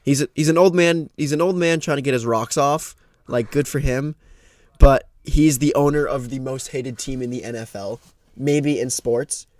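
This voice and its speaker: A man's voice: mid-range voice, normal speed, darkish tone, no room sound. A young man co-hosting a casual podcast, rambling, laughing often and trailing off mid-sentence. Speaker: podcast co-host.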